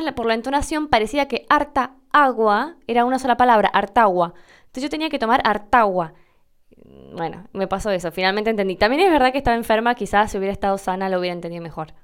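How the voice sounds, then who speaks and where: Clear-voiced young Argentine woman vlogger. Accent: Argentine Spanish. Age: late 20s. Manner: chatty, acts out dialogue with pitch jumps. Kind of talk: casual explanatory monologue.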